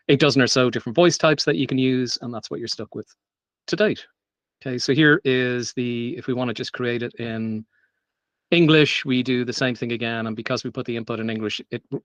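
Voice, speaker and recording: A man's voice: medium pitch, a bit bright, dry recording. A man giving an unscripted technical meetup presentation, talking loosely with many ums and restarts. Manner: loose, filler-heavy delivery with frequent ums and restarts. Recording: dull lo-fi sound.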